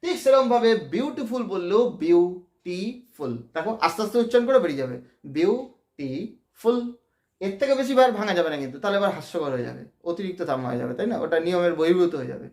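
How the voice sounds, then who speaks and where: A man with a Bengali accent teaching English grammar, explaining patiently, saying words slowly and checking that students follow. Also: high voice, lively intonation, darkish tone, echoey room. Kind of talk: classroom grammar lesson.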